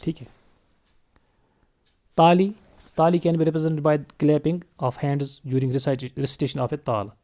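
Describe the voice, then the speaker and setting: A man teaching a music lesson, explaining calmly and reciting rhythm syllables in a steady beat. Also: medium pitch. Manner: reads English definitions slowly and carefully. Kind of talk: spoken music lesson mixing Hindi and English.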